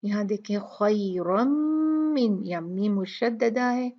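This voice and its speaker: Slow, gravelly woman teaching recitation. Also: medium pitch. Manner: methodical, breaks words into letters and models slow recitation. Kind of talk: tajweed tutorial. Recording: dull lo-fi recording.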